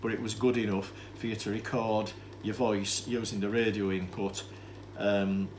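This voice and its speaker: A man with a fairly low voice, speaking at normal speed, presents vintage tape recorders in an informal, unscripted demonstration. He explains matter-of-factly, rambling slightly and hesitating, over clear, steady background noise.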